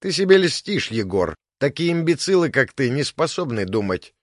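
A man voicing a scornful, sharp-tongued young woman in an audiobook, mocking and cutting. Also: mid-range voice, wildly swooping pitch, a little slow, dry recording, studio quality.

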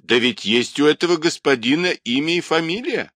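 A man voicing an old woman teahouse keeper in her sixties or more, shrill and scolding. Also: very animated, unhurried, fairly bright tone, dry recording, studio quality.

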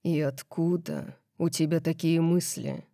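Woman doing gruff brooding male vampire. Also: a little slow, warm tone, no echo, studio quality. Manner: low, rough, clipped.

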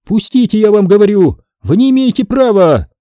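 A man reading an audiobook voices a pushy woman trader who shrieks, begs and snaps in a high, strained voice. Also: big pitch swings, measured pace, warm tone, no echo, studio quality. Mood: shrieking. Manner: shrill, pleading and bossy.

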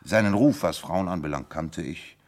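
An actor playing Sherlock Holmes as a confident, sharp-witted detective in a radio play, theatrical and self-assured. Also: male voice, low voice, moderate pace, lightly acted. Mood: self-assured, explanatory. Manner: theatrical, self-assured, amused chuckles between explanations. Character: confident, sharp-witted male detective explaining his deductions.

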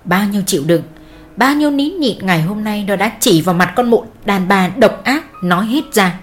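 A woman narrating a dramatic family story in steady, scripted storytelling. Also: medium pitch, moderate pace, faint music behind.

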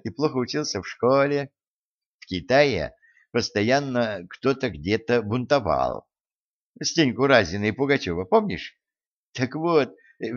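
A sharp-tongued young warrior woman, as a male narrator puts her on, pitched well above his own voice. She lectures in a lively, teasing way in a storybook reading, and the recording is a bit dull and lo-fi.

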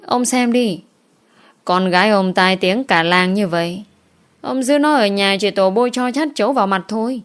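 A woman's voice: mid-range voice, natural voice. A woman voicing a lecherous old male landlord who talks bluntly and mockingly.

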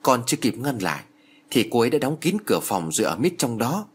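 A meek maid who hurries through her apologetic explanations, as a male narrator voices her. The voice is husky and only lightly changed. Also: mid-range voice, sing-song, quick pace. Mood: timid. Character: timid female house servant, apologetic.

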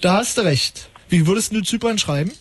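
High husky radio host. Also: male voice, animated, brisk. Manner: ironic, rambling, mock-pompous. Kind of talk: late-night call-in radio banter.

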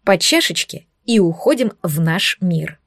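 A woman's voice: fairly low pitch, sing-song, unhurried, no room sound, studio quality, full character voice. A woman voicing a teasing young adult brother who snorts and bosses others around. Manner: mocking, bossy.

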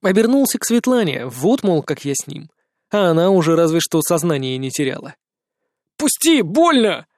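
A man narrating a first-person audiobook in an expressive, dramatic storytelling manner. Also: fairly high pitch, a little fast, no room sound, studio quality.

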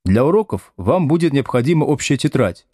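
A stern young schoolteacher, as the male reader puts him on, giving curt orders to an unruly class. His speech rises and falls with lively intonation. The sound is close and dry. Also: medium pitch, a little fast, dry recording, pitched above the performer's own voice. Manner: curt, commanding.

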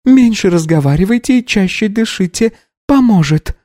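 Casting: woman playing a capable housekeeper-midwife, raised lively voice, firm and reassuring, dry close sound. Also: mid-range voice, normal speed, dry recording, lightly acted. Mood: calm, firm. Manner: firm, soothing, matter-of-fact. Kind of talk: audiobook reading.

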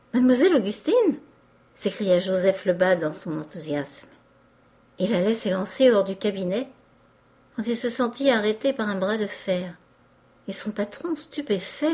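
A woman reading a classic novel aloud in a measured, expressive narrating style. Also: medium pitch. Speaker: audiobook reader. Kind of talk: literary narration.

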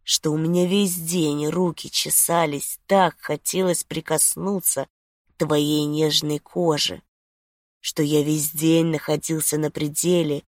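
A woman's voice: lowish voice, dry recording, studio quality, close to an everyday voice. A woman playing a smug, seductive man.

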